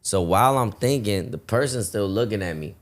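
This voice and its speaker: Deep-voiced man telling a profane story. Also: lively intonation, brisk. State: losing his voice. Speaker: podcast host. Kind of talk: casual storytelling chat.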